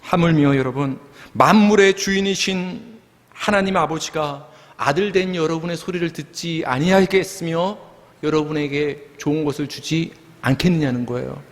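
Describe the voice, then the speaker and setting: High-voiced pastor preaching in a reverberant hall. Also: male voice, normal speed. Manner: earnest preaching, leads the congregation in calling out together. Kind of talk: sermon. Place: church sanctuary. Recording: long church hall reverb.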